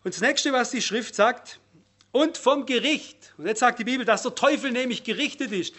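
High-pitched guy preaching, earnest, drops low then hits words hard. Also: normal speed. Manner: earnest, emphatic, swings between low murmur and loud stressed words. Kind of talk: sermon on scripture.

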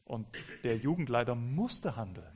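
A man interprets a sermon live, one phrase at a time. He matches the preacher's emphasis as he goes. His voice sits at a middle pitch. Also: big pitch swings, moderate pace, darkish tone, slight background noise. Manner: follows each phrase closely, mirroring the preacher's emphasis.

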